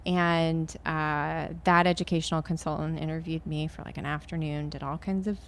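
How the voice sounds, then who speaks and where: Chatty self-deprecating woman guest, low voice. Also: steady tone, moderate pace. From Maine, USA. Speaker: podcast guest. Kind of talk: conversational interview.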